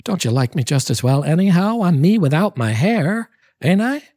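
A man's voice: a little high, very animated, normal speed, a little mellow, no room sound, clean studio sound, voice pushed up. A man voicing an earnest, anxious, loving young wife in a dramatic storybook reading, pleading with feeling. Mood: coaxing.

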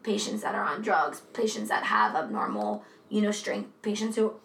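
A woman co-hosting a casual true crime chat, talking in a chatty, profane way with animated asides. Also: mid-range voice, moderate pace, roomy sound, distant mic, poor audio. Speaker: podcast co-host.

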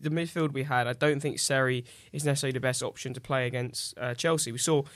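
A man's voice: mid-range voice, fairly even intonation, fast, a bit bright, no echo. A man giving opinionated football analysis on a fan podcast. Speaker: podcast panelist. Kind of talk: casual fan podcast chat.

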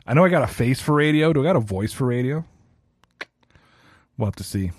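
Animated and a little fast, a podcast host in his thirties rants casually and self-deprecatingly on his solo sports show. His mid-range voice has a slightly mellow quality. The studio sound is clean and dry.

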